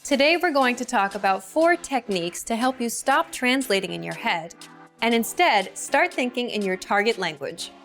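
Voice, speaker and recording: A woman's voice: on the high side, lively intonation, normal speed, a bit bright. A woman giving scripted language-learning tips in an upbeat presenter delivery. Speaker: language teacher. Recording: light background music.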